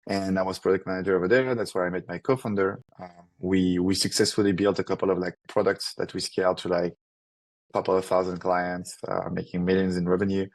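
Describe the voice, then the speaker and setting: The recording is dry, and this man's low voice has a flat delivery. In his thirties and from France, he speaks with a thick French accent as a startup founder casually fielding interview questions, talking fast, using many fillers and often restarting.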